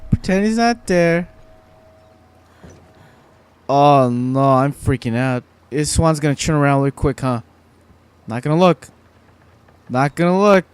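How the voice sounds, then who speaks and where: A man's voice: a little high, animated, unhurried, pauses often, clean tone, no room sound. Goofy man rambling over a game. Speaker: gaming video host. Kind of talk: let's play commentary.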